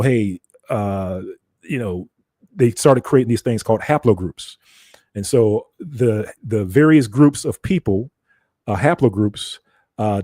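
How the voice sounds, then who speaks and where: A man's voice: medium pitch, mellow, no room sound, clean studio sound. An American man giving an informal teaching talk in a conversational, explanatory way, repeating phrases for emphasis. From United States. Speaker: broadcaster.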